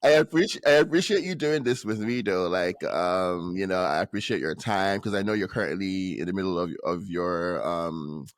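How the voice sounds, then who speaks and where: Low-voiced upbeat male podcast host. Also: moderate pace, few pauses, no room sound. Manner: upbeat, enthusiastic, many ums. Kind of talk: casual interview chat.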